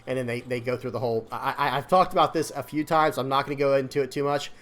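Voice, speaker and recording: A man in an easygoing, unscripted commentary, voice sitting at an ordinary middle pitch. He talks in a loose, rambling way, stumbling over repeated words and circling back to rephrase. His tone is earnest and a little apologetic, like he's making a heartfelt case to his viewers. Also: steady tone, quick pace, a bit bright. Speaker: card game content creator. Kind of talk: casual opinion commentary.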